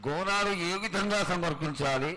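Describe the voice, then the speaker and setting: A man's voice: on the high side, moderate pace, bright, forceful tone. A man speaking as a priest, addressing a goddess in formal, ornate and reverent devotional speech. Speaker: priest questioning the oracle. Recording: live event with faint background noise.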